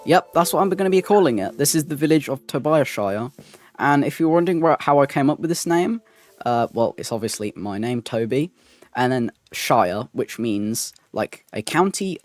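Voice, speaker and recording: A man's voice: medium pitch, a little mellow, no room sound. A man narrating a game build as a voice-over, rambling with lots of ums and restarts. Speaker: Minecraft builder and channel host. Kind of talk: gameplay voice-over commentary.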